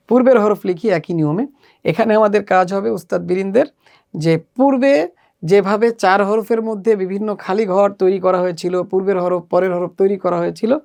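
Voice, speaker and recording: Male instructor, gravelly, measured delivery, teacher-training walkthrough. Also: high-pitched, a little mellow. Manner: measured, explanatory, with frequent "ah" fillers. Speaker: teacher explaining a textbook.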